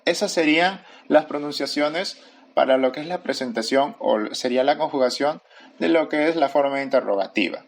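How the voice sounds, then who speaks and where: A man teaching a recorded grammar lesson, speaking slowly and deliberately and repeating each form. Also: fairly high pitch, creaky. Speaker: English teacher.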